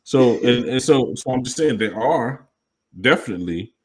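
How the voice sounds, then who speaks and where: A man's voice: medium pitch, lively intonation, moderate pace, slightly rough, poor audio. A man co-hosting a podcast, talking in a casual, emphatic way and often checking in with "you know what I mean". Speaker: podcast co-host. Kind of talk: casual discussion.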